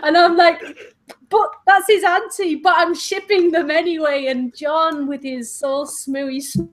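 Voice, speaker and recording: A woman's voice: very high voice, steady tone, measured pace. A woman co-hosting a casual podcast, gushing and laughing on her own mic over an online call, while her audio glitches and cuts out. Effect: glitchy audio, cutting out. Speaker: podcast co-host. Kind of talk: casual TV episode discussion.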